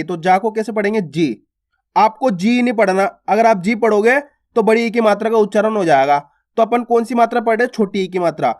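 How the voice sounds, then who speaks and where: A man's voice: high-pitched, darkish tone. A man teaching a beginner's reading lesson online, spelling words out syllable by syllable with encouraging, reassuring asides. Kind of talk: classroom-style online lesson.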